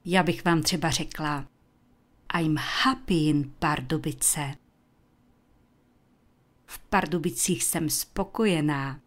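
Low-voiced woman teaching English slowly. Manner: slow, deliberate enunciation of words to repeat. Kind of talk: language lesson with repetition drills.

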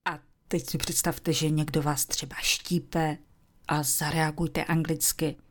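A woman teaching English, speaking slowly and clearly, and sometimes dropping into a whisper to model phrases. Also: low-pitched, little pitch movement. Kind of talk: slow, deliberate language lesson.

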